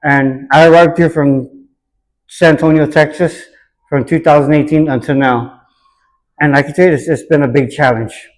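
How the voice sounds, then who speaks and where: Earnest and deliberate, a Hawaiian man from the United States gives thoughtful interview answers, frequently repeating the question before he replies. His voice is slightly high and his tone stays steady.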